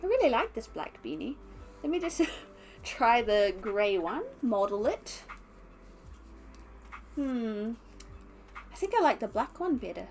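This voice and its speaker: A young woman with an Australian accent chatting casually on a stream, animated and laughing often. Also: slight background noise. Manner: chatty, reads chat aloud, laughs often, animated with pitch jumps. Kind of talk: casual chat while unboxing.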